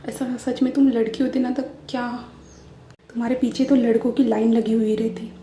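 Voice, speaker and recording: A woman voicing a brisk, nosy young woman who quizzes and teases. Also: a little high, little pitch movement, dark tone, a little hiss or hum, lightly acted. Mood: teasing. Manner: quizzing, teasing. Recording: echoey room.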